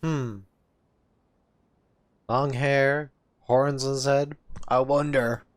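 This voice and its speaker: A man's voice: mid-range voice, level tone, very slow, a little hiss or hum. A man streaming a video game, chatting casually, reading dialogue aloud and humming along. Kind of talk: casual gameplay commentary.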